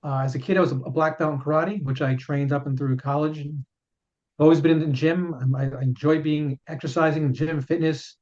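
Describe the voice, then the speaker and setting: As a guest giving casual interview answers, a chiropractor and author in his fifties explains things earnestly and often stumbles over repeated words. His slightly high, a little mellow voice moves a little fast with fairly even intonation. The sound is dull, muffled and lo-fi, as if it came through a remote call.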